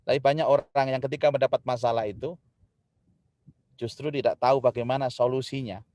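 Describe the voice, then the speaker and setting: A man giving a lively Islamic sermon to an audience, swinging from loud emphatic lines to quiet ones and addressing the listeners directly. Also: mid-range voice, a little fast, no room sound. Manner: lively, rising loud when building a point, then dropping soft; addresses the audience directly, acts out spouses' quarrels. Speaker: preacher.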